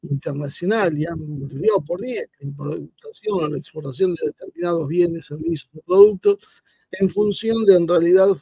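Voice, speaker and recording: Gravelly-voiced Argentine man analyzing. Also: on the high side, moderate pace, dark tone, no room sound. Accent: Argentine Spanish. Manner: hesitant, many fillers. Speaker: political analyst. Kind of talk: live-streamed analysis.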